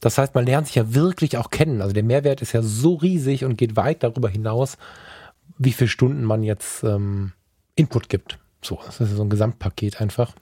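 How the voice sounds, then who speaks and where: Mellow-voiced man chatting in a dry room. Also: mid-range voice, a little fast, slightly rough, no room sound. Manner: energetic, colloquial, stammers at times. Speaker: podcast co-host and photographer. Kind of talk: casual podcast conversation.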